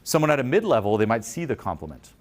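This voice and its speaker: A man coaching an audience in a motivational conference talk, animated, often acting out the inner voices of the people he describes. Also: medium pitch, fast.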